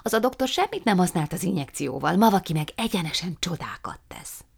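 A woman's voice: on the low side, big pitch swings, creaky, breathy edge, heavily acted. A woman voicing a headstrong teenage girl who argues and pouts. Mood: enthusiastic. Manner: pouting, insistent.

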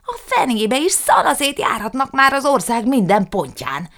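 A woman's voice: mid-range voice, wildly swooping pitch, pitched above the performer's own voice. A woman reading an audiobook, voicing an indignant, blustering middle-aged man who rants theatrically. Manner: loud, theatrical ranting.

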